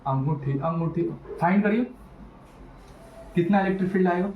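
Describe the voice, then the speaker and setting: A high-voiced man teaches physics in an animated, teasing way, talking straight to his students. His voice bounces around an echoey room. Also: moderate pace, narrow, tinny audio, slight background noise. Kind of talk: classroom lecture.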